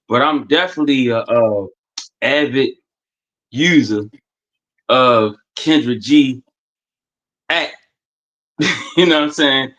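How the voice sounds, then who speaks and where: A man on a video call talks loudly and eagerly with a bright, forceful tone. He repeats his points over and over as he speaks. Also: mid-range voice, muffled recording. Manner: loud, animated, repeats himself. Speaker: truck driver calling in. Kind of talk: casual chat.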